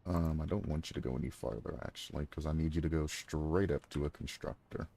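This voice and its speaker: A man talking through his gameplay on a live stream, thinking aloud and throwing sarcastic asides at chat, clearing his throat now and then. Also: extremely low pitch, a little fast, warm tone. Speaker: game streamer. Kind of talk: casual gameplay commentary.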